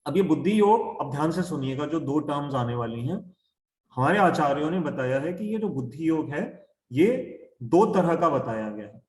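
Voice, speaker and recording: A man's voice: on the high side, lively intonation, a little mellow. Man teaching scripture, echoey room. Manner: explains slowly, repeats key terms; asks and answers his own questions. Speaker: Gita teacher. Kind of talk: online scripture class. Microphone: video call.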